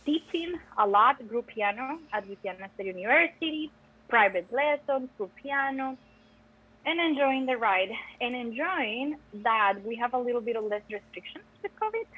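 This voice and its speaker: This music education doctoral student, a young Costa Rican native Spanish speaker, chats energetically as an interview guest on a podcast. Her high-leaning voice is pushed, bright and breathy, with lively intonation at a normal pace, though the recording is rough.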